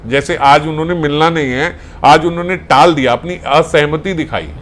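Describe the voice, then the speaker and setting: A man's voice: on the high side, normal speed, a little hiss or hum, lightly acted. A man voicing a young divine lover who makes flustered, stammering excuses. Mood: pleading. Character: young divine lover, sheepish and pleading innocence.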